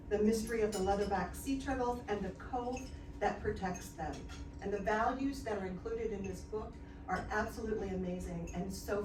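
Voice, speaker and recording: With a medium-pitched voice, a woman hosting an event reads a formal, admiring introduction of the speaker. She is recorded from far off in an echoey room, with clatter and noise in the background.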